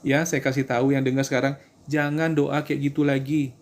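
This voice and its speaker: A man's voice: medium pitch, flat delivery, fairly quick, a little mellow. A man giving casual religious life advice, chatty and repetitive, acting out prayers and answering viewer greetings. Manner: chatty, repeats himself, acts out prayers.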